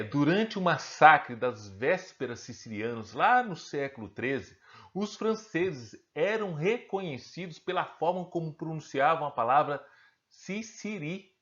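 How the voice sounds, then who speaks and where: A man with a Brazilian Portuguese accent and a slightly high, fairly bright voice teaches a recorded online lesson over dull-sounding audio. He asks himself questions, answers them, and keeps checking in with the viewer.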